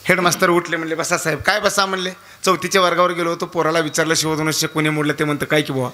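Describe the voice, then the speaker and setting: A man from Maharashtra delivering a humorous devotional sermon, telling a story and leaping up in pitch to act out the people in it. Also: racing. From Maharashtra, India. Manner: animated, jumps to high pitch for quoted characters. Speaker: kirtan preacher.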